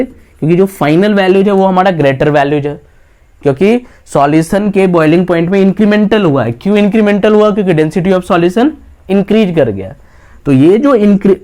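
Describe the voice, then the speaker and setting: A man's voice: high-pitched, darkish tone. A man teaching a chemistry lecture in mixed with English terms, firing rhetorical questions at the class and answering them himself. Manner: mixes English science terms into Hindi.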